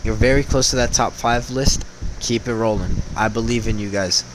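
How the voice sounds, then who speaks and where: A man's voice: lowish voice, steady tone, normal speed, background noise. A young man giving casual sports commentary, chatty and slangy, talking straight to the teams. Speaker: sports vlogger.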